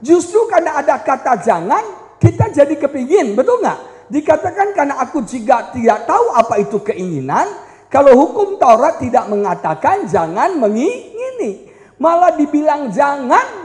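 A man preaching a lively sermon at a church retreat, animated and joking with the congregation as he acts out quotes. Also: very high-pitched, normal speed. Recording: echoey hall reverb.

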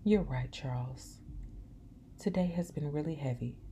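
A woman's voice: sits low, a little slow, mellow, a little hiss or hum. A woman reading the lines of a remorseful middle-aged pastor's wife in a storybook. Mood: apologetic.

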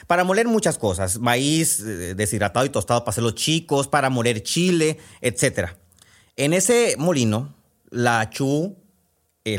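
A man from Sonora, telling a story in a conversational, meandering way. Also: mid-range voice. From Sonora, Mexico. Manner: conversational with frequent fillers and restarts. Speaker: podcast storyteller. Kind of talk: oral storytelling.

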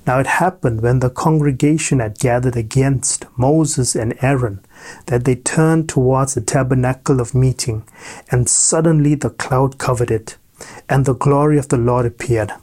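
A man preaching a sermon, reading scripture and stressing points with deliberate repetition. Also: medium pitch, a little mellow. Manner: slow, deliberate, emphatic repetition.

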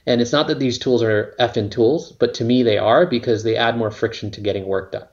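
A man's voice: mid-range voice, fairly even intonation, brisk, highs cut off. A man, a company co-founder, talking casually in an interview, rambling with lots of fillers and some casual swearing.

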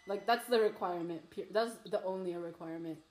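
A woman's voice: lowish voice, brisk, a little mellow. Young woman just chatting w friends, says like a lot, roomy echo on her voice. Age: young adult. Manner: chatty, lots of "like". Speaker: co-host. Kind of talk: casual chat. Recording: echoey room.

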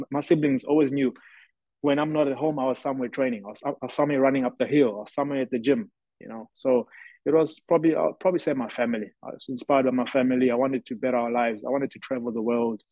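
A man's voice: medium pitch, steady tone, fast, dark tone, no room sound. Guy in his 30s telling his story, earnest and reflective, dry close sound, kinda muffled. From South Africa. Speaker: guest, professional rugby player. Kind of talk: podcast interview. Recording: dry, slightly dull lo-fi audio.

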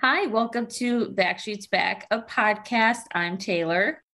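A woman with a cold hosts a casual podcast with friends. She rambles, laughs a lot and has a bright, clear tone. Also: mid-range voice, slow pace. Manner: giggly, rambling. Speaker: podcast host.

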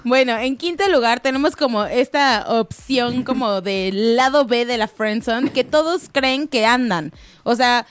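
A woman's voice: on the high side, a little slow, clean tone, no room sound. A woman co-hosting a casual podcast, walking through points and teasing the others. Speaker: podcast co-host. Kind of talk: casual chat.

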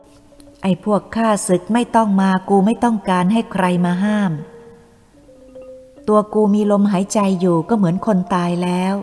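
A woman's voice: mid-range voice, steady tone, measured pace, dark tone, lightly acted. Brief: a woman playing a furious, fearless young captive, cursing, in a reverberant room with faint music. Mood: defiant. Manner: fierce, cursing, defiant.

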